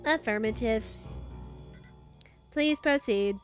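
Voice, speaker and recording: A woman doing a terse, high-pitched robot voice. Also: takes it slowly, faint music behind. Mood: flat. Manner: robot voice, terse machine-like statements. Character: clipped, emotionless female robot computer. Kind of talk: voicing game dialogue while streaming.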